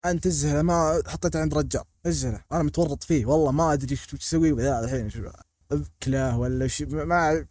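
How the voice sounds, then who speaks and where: Rapid-fire man telling a story. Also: a little high. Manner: rapid, animated, slips into mock voices for characters. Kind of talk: comic storytelling.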